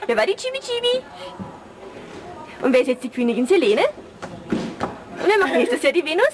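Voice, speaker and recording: A woman's voice: high voice, very animated, normal speed. A young woman filming backstage and commentating, teasing and joking with the cast. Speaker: camera operator and backstage commentator. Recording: noisy backstage crowd. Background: crowd chatter.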